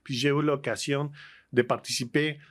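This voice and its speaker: A man's voice: medium pitch, steady tone, moderate pace. A man from Mexico with a Spanish accent, speaking French as a guest in a casual interview, with many fillers and restarts.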